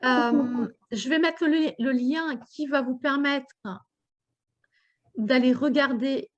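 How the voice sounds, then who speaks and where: A woman's voice: sits high, fairly even intonation, slow, dull audio, noisy background. A woman coach leading a group session, talking expressively and acting out her inner voice. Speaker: personal development coach.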